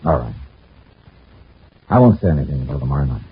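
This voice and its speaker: A man's voice: extremely low pitch, sing-song, fairly quick, breathy edge, exaggerated voice. An actor playing a wry male insurance investigator who narrates his own case in an old radio detective drama. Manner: wry, dry, hardboiled narration. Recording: tinny scratchy old radio broadcast.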